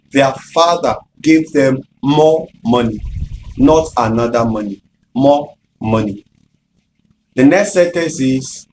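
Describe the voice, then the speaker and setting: A man teaching English grammar in a measured, explanatory way, speaking directly to viewers. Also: mid-range voice, darkish tone, slight background noise, poor audio. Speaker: English tutor. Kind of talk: scripted grammar lesson.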